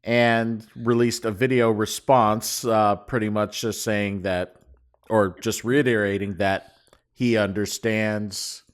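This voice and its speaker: Slow, hesitant male news reader. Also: on the low side, fairly even intonation, clean tone. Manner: unhurried, hesitant with ums and uhs while reporting. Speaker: podcast co-host reading the news items. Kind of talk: casual chat.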